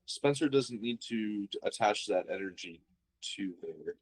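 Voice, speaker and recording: A man's voice: lowish voice, expressive, a little slow, poor audio. A man commentating on a card game match, thinking aloud and asking analytical questions about the plays.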